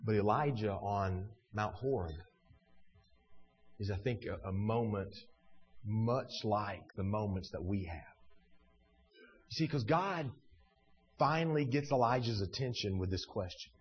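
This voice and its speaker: A man preaching a sermon, swinging between loud declaration and hushed intensity. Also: lowish voice, measured pace, long pauses, long reverb tail, muffled recording.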